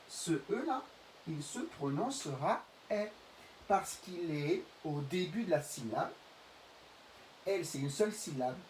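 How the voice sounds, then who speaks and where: A middle-aged male teacher giving a reading lesson to young pupils, speaking slowly and carefully and stretching out the example words. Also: a little high, a little mellow. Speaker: primary school teacher. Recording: roomy, distant mic, faint hiss.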